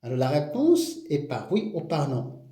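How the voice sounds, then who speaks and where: A man teaching a grammar lesson, explaining slowly and patiently, repeating his points. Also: fairly high pitch, huge pitch swings, dark tone. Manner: slow, patient explaining with repetitions. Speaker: French teacher. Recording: echoey room.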